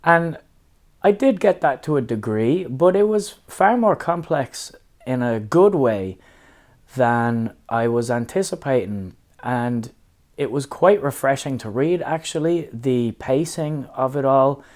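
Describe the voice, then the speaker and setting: A man with a hoarse, smoky rasp from laryngitis gives a casual, animated book review as a vlogger. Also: medium pitch, slow. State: hoarse, getting over laryngitis. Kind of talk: casual scripted-outline book review to camera.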